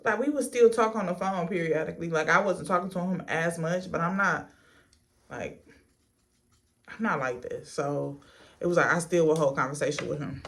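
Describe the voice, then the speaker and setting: A woman's voice: on the low side, fairly bright tone. Blunt, sassy woman telling a casual storytime. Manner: blunt, sassy, heavy swearing; unhurried stop-and-start delivery while doing a get-ready-with-me. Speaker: storytime vlogger.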